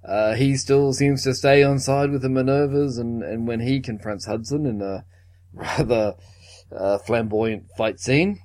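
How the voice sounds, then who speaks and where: A man's voice: medium pitch, a little slow, darkish tone. A man co-hosting a podcast, casually retelling a film's plot with occasional chuckles. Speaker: podcast co-host. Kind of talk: casual film recap chat.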